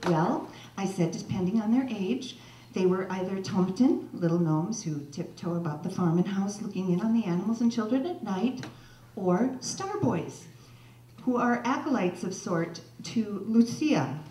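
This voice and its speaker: A woman's voice: medium pitch, lively intonation, measured pace, mellow, slight background noise. A woman storyteller and mother reading a personal story aloud at a live holiday event, with wry, self-mocking humor. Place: holiday sing-along event, indoors. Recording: echoey live-room recording from a distance.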